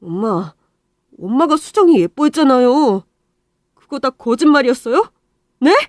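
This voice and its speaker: A woman's voice: high voice, sing-song, moderate pace, no room sound, clean studio sound. A woman voicing an earnest teenage boy in a radio drama, pleading with his mother over his girlfriend.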